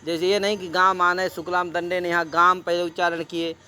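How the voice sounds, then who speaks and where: This Sanskrit teacher's voice is high, level, and sharp, and he speaks fairly quickly. During his classroom lecture he recites Sanskrit, explains it in Hindi, and keeps firing repeated questions at the students.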